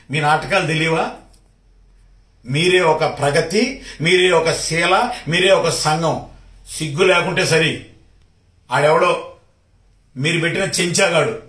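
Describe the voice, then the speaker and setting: A man's voice: on the high side, a bit bright, echoey room. Rayalaseema guy going off on a minister, question after question, sounds far from the mic. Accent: Rayalaseema Telugu. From Kadapa district, Rayalaseema, India. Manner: sarcastic, confrontational, rapid rhetorical questions. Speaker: party supporter. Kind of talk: political rant to a minister.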